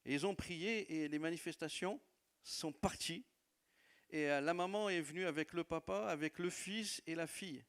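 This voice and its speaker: Speaking at a normal speed in a slightly high voice, a pastor with a non-native French accent tells stories of his church. It's a sermon testimony in a church hall, delivered warmly with laughter and repeated phrases.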